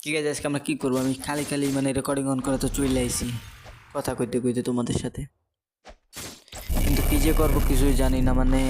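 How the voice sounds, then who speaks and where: A man's voice: mid-range voice, noisy background. A young man with a Bangladeshi Bengali accent, rambling casually through gameplay commentary and slipping in English phrases. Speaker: gaming YouTuber.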